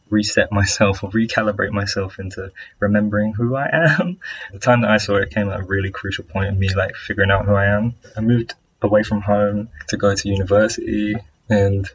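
An English man speaks in a low, fairly flat voice while earnestly sharing a personal story. The recording sounds dull and lo-fi, with faint noise behind him. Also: moderate pace. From United Kingdom.

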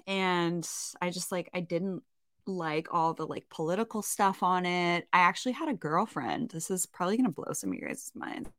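Canadian lady cohost rambling w jokey asides, lower voice, dry close mic. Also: expressive, moderate pace, dry recording. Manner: chatty, self-mocking, rambling asides. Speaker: podcast co-host. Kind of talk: casual podcast chat.

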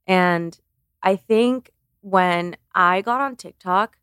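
A woman's voice: medium pitch, takes it slowly, a bit bright, clear, resonant tone, no echo, studio quality. A woman in her twenties, born in Cuba, talking casually and earnestly as an interview guest, with lots of fillers and restarts. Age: 20s. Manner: chatty, earnest, frequent "like" and restarts. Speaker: guest, beauty creator.

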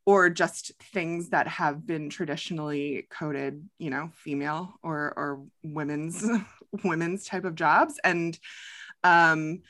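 A woman's voice: low-pitched, steady tone, slow, a bit bright. A woman hosting a podcast, chatting casually with frequent laughs and fillers. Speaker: podcast host. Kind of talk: casual chat.

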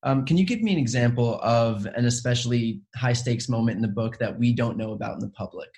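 A man's voice: mid-range voice, brisk, darkish tone. A man asking interview questions in a conversational way.

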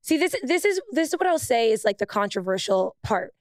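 A young woman co-hosting a casual sports podcast, animated and emphatic, laughing often. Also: a little high, a little fast, no echo, studio quality. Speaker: podcast co-host, former pro soccer player. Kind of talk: casual chat.

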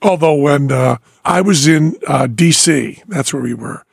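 He's a middle-aged Western Massachusetts man with a faded New England accent, co-hosting a podcast in casual, story-filled conversation, often laughing and trailing off partway through sentences. His voice is fairly high, expressive, creaky and husky, delivered at a measured pace. The clean studio sound has no echo.

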